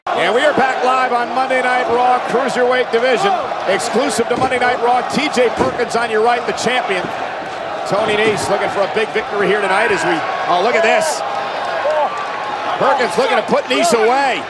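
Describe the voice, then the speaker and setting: A man calling live wrestling play-by-play with excitable, exclamatory calls. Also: extremely high pitch, a little fast. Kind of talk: live sports commentary. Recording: loud arena crowd noise behind. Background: roaring arena crowd.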